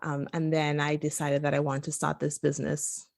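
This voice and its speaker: Low, gravelly-voiced woman guest. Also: completely flat delivery, moderate pace, a little mellow. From Trinidad and Tobago. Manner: chatty, laughs often, many fillers. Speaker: guest physician. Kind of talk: casual interview conversation.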